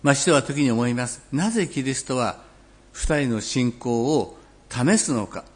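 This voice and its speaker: A male pastor giving a sermon in a measured, reflective way, slowing down on key phrases and clearing his throat now and then. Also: medium pitch, lively intonation.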